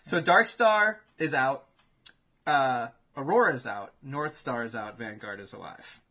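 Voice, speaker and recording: Man, bright forceful voice, casual chat host, animated play-by-play, casual swearing. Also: mid-range voice, measured pace.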